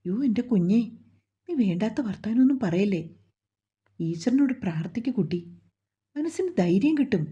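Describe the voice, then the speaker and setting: A fretful, loving mother, voiced by a woman storyteller soothes and pleads in a mellow, breathy voice. The recording sounds dull and lo-fi. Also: mid-range voice, lively intonation, normal speed, long pauses. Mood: soothing, worried. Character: anxious, loving middle-aged mother comforting her daughter.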